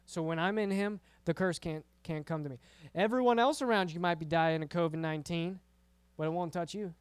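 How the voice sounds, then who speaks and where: A man gives a casual youth sermon in a high, smooth voice. He talks conversationally, repeats words as he goes and keeps asking "right?" The sound is close and dry, with no room echo. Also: brisk. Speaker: youth pastor.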